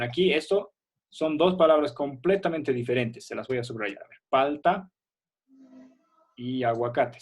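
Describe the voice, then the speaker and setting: A man's voice: medium pitch, husky. A man teaching a primary school class on a video call, patient and checking that students follow. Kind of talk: online class explanation.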